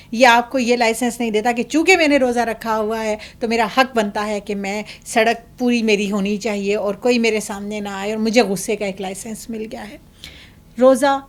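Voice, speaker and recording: A woman hosting a talk program, speaking emphatically and posing rhetorical questions. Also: a little high. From Pakistan. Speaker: TV program host. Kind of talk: hosting a religious talk show.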